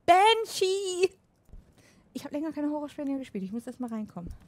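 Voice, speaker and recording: A woman giving casual let's play commentary, excitable and laughing often, shouting commands at the game. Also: high voice, racing.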